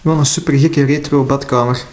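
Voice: mid-range voice, fairly even intonation, brisk, darkish tone, a little hiss or hum. Flemish explorer thinking aloud. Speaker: urban explorer. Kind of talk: casual exploring commentary. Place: indoors, abandoned house.

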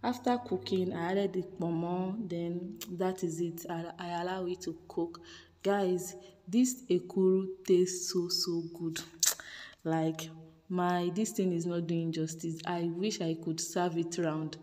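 A woman's voice: on the low side, steady tone, slow, mellow, in a large hall. A woman chatting through a home cooking vlog voice-over, repeating words for emphasis. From Nigeria. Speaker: cooking vlogger. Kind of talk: casual voice-over narration.

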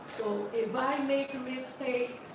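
A guest speaker and ambassador from Suriname, a woman with a high, steady voice and a Surinamese accent, speaks slowly and earnestly into a handheld mic without notes; English isn't her first language, and she learned Dutch in school. Her direct, unscripted public speech echoes through a very echoey seminar room, recorded far from the camera with clear background noise.

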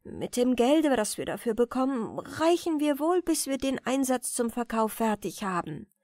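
A woman voicing a remorseful older sister, a young girl, in a storybook, with a soft, gentle voice. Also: fairly high pitch, big pitch swings, normal speed, dry recording, clean studio sound. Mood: earnest.

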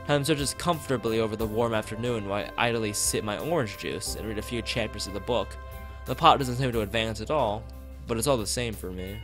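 A man with a lowish voice speaks fairly quickly as he streams a visual novel, reading the text out loud with casual asides. He regularly stumbles over lines and repeats bits, with music running in the background.

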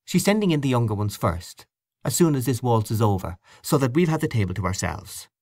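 A man voicing an excitable, warm-hearted young wife speaking lightly to her husband. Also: medium pitch, a little fast, no echo, clean studio sound. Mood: eager.

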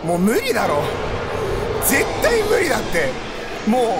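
A man streaming a horror game, panicky and rough-spoken, often shouting in fear. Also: very high-pitched, wildly swooping pitch, normal speed, loud music behind the voice. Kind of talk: horror game let's play commentary.

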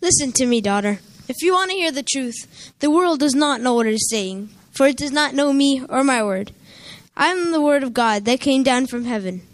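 A young woman playing Jesus in a church play, speaking calmly and reassuringly in recited lines. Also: high voice, moderate pace, no echo. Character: Jesus, calm gentle male savior.

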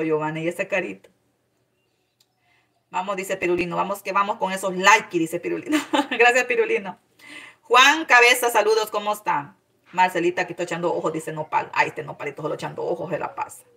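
A woman's voice: mid-range voice, moderate pace, gravelly, pushed and bright. A woman hosting a casual live stream, reading out viewer comments and greeting each one with affectionate endearments. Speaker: cooking channel host reading live chat.

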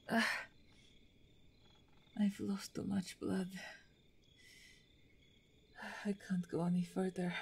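An actress portrays a strong half-orc woman, wounded and weary, in a heavily acted ASMR roleplay drama. Her medium-pitched voice is mellow and breathy, very slow, often sinking to a whisper, halting and weak, wary yet wry, with a weak, pleading mood.

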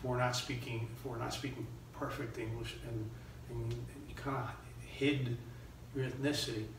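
Recorded from afar in a small indoor room, with heavy echo and faint noise, a middle-aged Miami man talks as an interview guest in a conversational, halting way. His mid-range voice is gravelly and level in tone.

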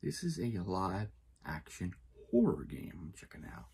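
A young adult man giving casual reaction commentary as a video host, with a husky voice and halting, repetitive phrasing. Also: deep voice, sing-song, a little mellow. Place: small indoor room at home.

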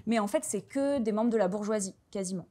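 A woman's voice: medium pitch, fairly quick, warm tone. A woman giving a public lecture with slides, talking in a hesitant way with many fillers and restarts.

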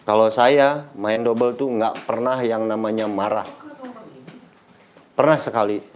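A man's voice: fairly low pitch, a little slow, a little hiss or hum. A middle-aged man, a badminton coach telling stories to teach his players and acting out the dialogue as he goes. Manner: lively storyteller acting out quoted dialogue. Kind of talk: casual coaching talk with anecdotes.

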